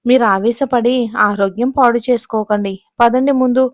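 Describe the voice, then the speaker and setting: A woman voicing a gentle middle-aged daughter-in-law who soothes her mother-in-law respectfully. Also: a little high, fairly even intonation, normal speed, dry recording, studio quality, lightly acted. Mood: soothing.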